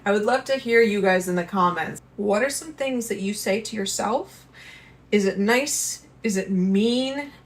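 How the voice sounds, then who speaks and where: A woman's voice: medium pitch, a little slow. A woman hosting a lifestyle channel, talking earnestly and conversationally about handling stress and speaking straight to her viewers. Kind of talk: casual advice talk to camera.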